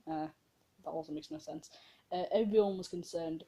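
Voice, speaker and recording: A woman's voice: lowish voice, moderate pace, warm tone, rough recording. A woman reading her own old story aloud in a casual way, giggling and breaking off with self-mocking asides.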